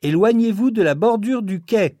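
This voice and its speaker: A woman playing a formal train station announcer, reading a measured scripted announcement over the intercom. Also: medium pitch, expressive, warm tone, no room sound, clean studio sound, close to an everyday voice. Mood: formal, neutral.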